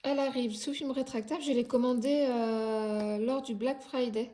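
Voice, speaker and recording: A woman's voice: fairly high pitch, fairly even intonation, moderate pace, dark tone, slight background noise. A woman from France hosting her craft channel, chatting casually at home while unboxing, with many hesitant fillers and self-corrections. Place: home indoors.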